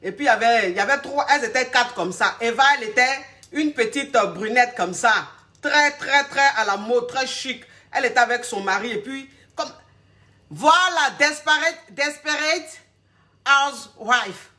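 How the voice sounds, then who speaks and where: A woman coaching her viewers on relationships in a loose, chatty live talk. Her voice is bright and forceful. She rambles, stalls and searches aloud for the words she wants, speaking to her audience as if they were friends. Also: on the high side, animated, normal speed. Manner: addresses the audience directly and familiarly.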